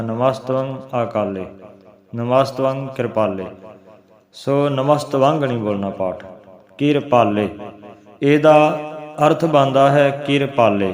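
A man gives an unhurried scripture lesson at a mid pitch, chanting each verse slowly before he explains it. His voice rings in a noticeably echoey room. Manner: slow, deliberate, chants the verses, then explains. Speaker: Gurbani teacher.

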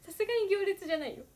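A woman's voice: extremely high pitch, a little mellow. A teenage girl, an idol livestreamer, chatting casually and giggling often between sentences. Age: teens.

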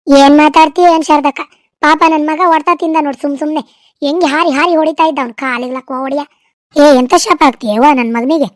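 A woman's voice: high voice, fairly even intonation, fast, no echo, lightly acted. A woman voicing a village mother who snaps back to defend her son, in a North Karnataka Kannada accent. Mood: defensive.

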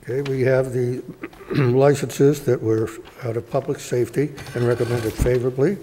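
At a city council meeting, a man with a mid-range voice reads agenda items aloud in a steady, measured recitation. He speaks at a desk microphone in a wood-paneled chamber, and the recording is reverberant with faint hiss.

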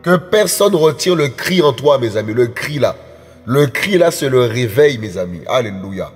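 A man's voice: mid-range voice, very animated, normal speed, slightly rough. A man preaching a sermon in an emphatic, repetitive way, often calling out to his congregation as friends. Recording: echoey hall with faint music.

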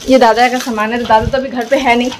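Unboxing groceries indoors with her child, a young mother talks casually and repetitively to her viewers. She speaks quickly in a fairly high voice with little pitch movement, and there's slight background noise.

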